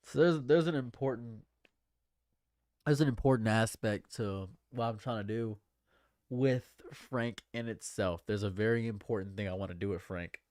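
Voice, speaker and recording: A man's voice: on the low side, normal speed, darkish tone, no echo, clean studio sound. Rambling man in his late twenties. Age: late 20s. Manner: rambling, repeats himself, restarts phrases. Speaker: streamer. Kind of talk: casual livestream chat.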